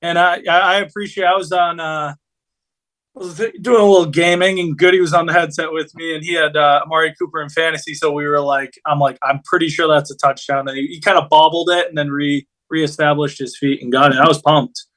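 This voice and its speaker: Man, slightly high voice, casual sports chat, rambling, slangy. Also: steady tone, fairly quick, fairly bright tone. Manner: informal, slangy, rambling storytelling. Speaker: podcast co-host.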